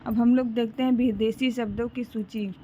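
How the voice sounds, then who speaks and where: A woman teaching an exam-prep lesson in a slightly high but very flat voice. She moves slowly and deliberately through lists and keeps telling students to memorize them. The recording is slightly dull, with faint room noise behind her. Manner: slow, deliberate listing with repeated reminders to memorize.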